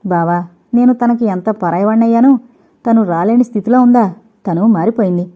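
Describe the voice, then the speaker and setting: A woman's voice: medium pitch, fairly quick, lightly acted. A heartbroken young man speaks bitterly about being shut out, read by a woman narrator. The voice comes through thin and phone-like. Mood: hurt. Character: hurt young man, brooding brother. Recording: tinny, phone-like recording.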